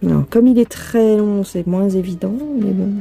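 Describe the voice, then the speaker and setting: A woman's voice: medium pitch, normal speed, vocal fry, warm tone, soft background music. Chatty French woman teaching cross-stitch. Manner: chatty, thinking aloud, addressing viewer as tu. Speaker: cross-stitch tutorial host. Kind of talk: casual hands-on embroidery tutorial. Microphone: phone filming her hands.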